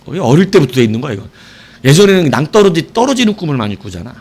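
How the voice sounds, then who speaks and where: Middle-aged male pastor, sermon delivery, highish voice with big lively swings, shouted exclamations. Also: very fast, slightly rough. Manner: animated storytelling, shouting exclamations, asks the congregation questions. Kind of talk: evening sermon.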